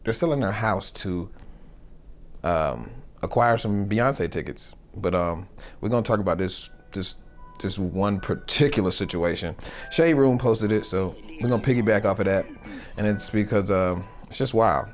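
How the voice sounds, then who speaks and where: A man's voice: lowish voice, expressive, moderate pace. A man hosting a casual comedic commentary show, rambling with slang and lots of fillers.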